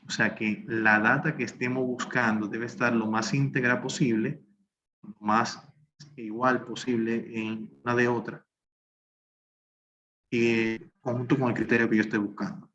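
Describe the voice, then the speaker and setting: Male instructor, mid-pitched, explains each step as he works, on a slightly dull, lo-fi recording. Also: level tone, a little slow, fairly bright tone, a little hiss or hum. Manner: talks through steps while working on screen. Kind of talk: recorded spreadsheet class. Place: recorded online class.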